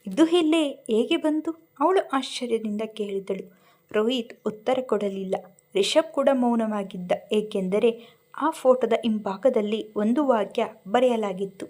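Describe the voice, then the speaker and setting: A woman's voice: on the high side, a little mellow. A woman narrating a romantic drama story from a script, reading expressively.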